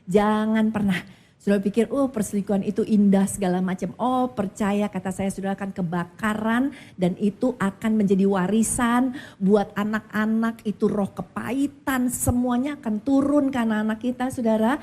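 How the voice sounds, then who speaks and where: A woman pastor preaching a sermon, telling stories in an animated way and often calling out to her listeners. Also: mid-range voice, normal speed. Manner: animated storytelling, addresses listeners as "saudara".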